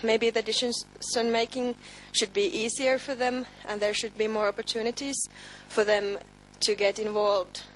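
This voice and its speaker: A woman's voice: fairly high pitch, level tone, normal speed, slight background noise, rough recording. A woman in her twenties from Finland, with a Finnish accent, speaking thoughtfully as a youth party board member. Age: 20s.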